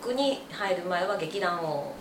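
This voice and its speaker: Chatty woman guest, lively pitch. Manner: chatty, quick to laugh and joke. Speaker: voice actress guest. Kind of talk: casual interview chat. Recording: echoey room with background noise.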